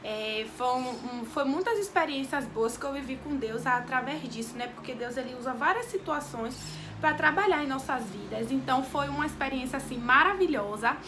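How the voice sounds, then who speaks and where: Telling a moving, faith-filled personal story on her vlog, this young Bahian woman from Brazil keeps repeating phrases, her accent Bahian Brazilian Portuguese. Her high, animated voice moves at a moderate pace, with noise in the background.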